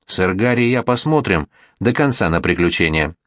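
A man voicing a mocking, excitable young gentleman. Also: low-pitched, moderate pace, no room sound, studio quality. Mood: teasing. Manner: teasing and excitable. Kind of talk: audiobook character reading.

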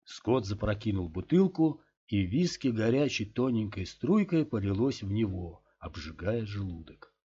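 A man reading an audiobook in a steady, measured way, in a dull lo-fi recording. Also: on the low side, a little hiss or hum. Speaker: audiobook reader. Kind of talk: audiobook narration.

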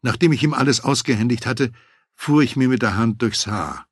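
A man reading a first-person memoir aloud as an audiobook narrator, in a measured, matter-of-fact way. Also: medium pitch, husky, no room sound.

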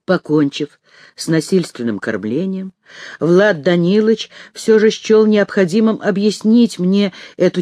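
A man's voice: high voice, darkish tone, no echo, clean studio sound. Man reading a tense first-person audiobook. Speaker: audiobook reader.

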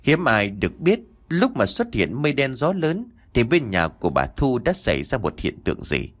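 A man's voice: huge pitch swings, normal speed. A man narrating a ghost story in a dramatic storytelling style. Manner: dramatic, sweeping pitch.

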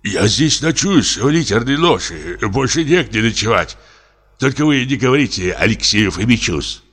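A man voicing a meek, gentle old theater prompter who speaks in a slow, deferential, soothing way. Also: medium pitch, animated, husky, long reverb tail, voice pushed up. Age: older. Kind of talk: audiobook character reading.

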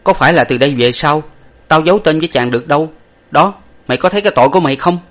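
A man's voice: fairly high pitch, very fast, a bit bright, voice pushed up, close to an everyday voice. A man doing a stern, scolding young master.

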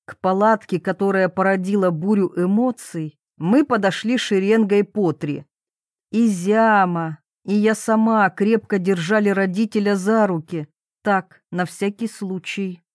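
A woman narrating a first-person audiobook with a lively, ironic storytelling manner. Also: mid-range voice, unhurried, no echo, clean studio sound.

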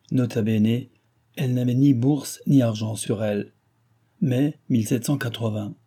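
Dark, husky male narrator. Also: mid-range voice. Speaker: audiobook narrator. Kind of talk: scripted narration of a classic novel.

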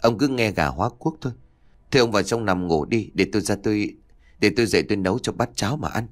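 A man's voice: lowish voice, fast, lightly acted. A man voicing an older village wife who scolds her husband in a matter-of-fact way. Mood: dismissive.

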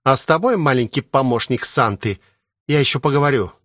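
A man voicing a sharp-tongued older sister who talks in a brusque, scolding way. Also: medium pitch, animated, a little fast, dry recording, clean studio sound, pitched above the performer's own voice, close to an everyday voice. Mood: stern.

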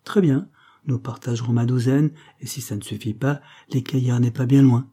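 Suave sly gentleman detective voiced by a guy, smooth talker, dark husky tone. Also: mid-range voice, steady tone, normal speed, natural voice. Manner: suave, persuasive, mock-naive. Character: smooth scheming middle-aged police poet. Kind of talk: audiobook character voice.

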